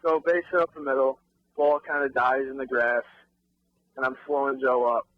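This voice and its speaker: A male guest on a casual sports talk show, talking candidly and haltingly with fillers about a coaching call. His voice is mid-pitched. The recording sounds dull and lo-fi, yet dry. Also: no echo. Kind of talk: casual interview chat.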